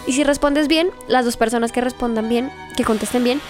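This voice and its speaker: A woman's voice: on the high side, brisk, faint music behind. A woman, telling a story in casual chat, acting out voices and laughing often. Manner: animated storyteller, acts out voices and shouts, laughs a lot.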